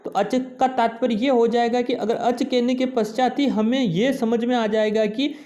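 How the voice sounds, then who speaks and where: A man teaching a Sanskrit lesson, explaining slowly and often checking with "है ना" and "ठीक है". He stretches out vowel sounds to show how long each is held. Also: extremely high pitch, steady tone, dark tone, lo-fi sound. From India. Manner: slow and explanatory, repeating "है ना" and "ठीक है" to check understanding; draws out vowels to show their length. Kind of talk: classroom lesson.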